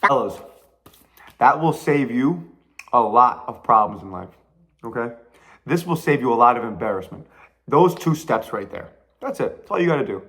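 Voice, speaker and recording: A young man talks straight into his own podcast, blunt and profane, full of slang and repeated punchlines. His pitch leaps up and drops back down constantly, which keeps the rant lively. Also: normal speed, long pauses. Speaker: podcast host. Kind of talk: casual solo podcast rant.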